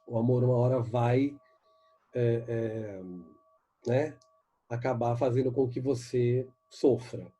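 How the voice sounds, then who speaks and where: Male teacher with a Brazilian Portuguese accent, mellow and breathy, reads verses slowly and explains them. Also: mid-range voice, level tone. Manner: explains and asks students questions, reads poems slowly. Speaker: literature teacher. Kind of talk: recorded online class lesson.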